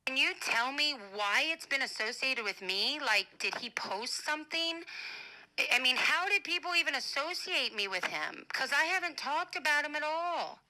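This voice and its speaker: A middle-aged woman, an advocate and online broadcaster, records an informal voice-message monologue in a high, expressive voice that sounds pushed and bright. She speaks at a moderate pace, blunt, indignant and defensive, swearing freely. The recording quality is low.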